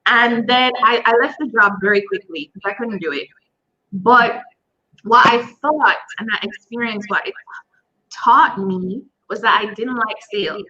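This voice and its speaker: Bright-voiced woman host, muffled audio. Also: on the high side, a little slow. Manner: candid, self-deprecating. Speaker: podcast host. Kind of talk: conversational interview.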